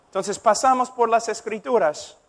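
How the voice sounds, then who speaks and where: A man's voice: extremely high pitch, moderate pace, fairly bright tone. A middle-aged man preaching a sermon with passion, acting out conversations as he tells them. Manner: impassioned, acts out dialogues. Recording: reverberant hall.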